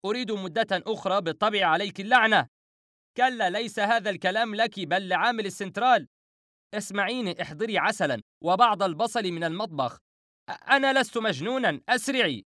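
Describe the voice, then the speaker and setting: A man voicing a panicked young man who shouts urgent orders into a telephone, in a storybook reading. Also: high voice, expressive, fast talker, dry recording, clean studio sound, voice pushed up. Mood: frantic.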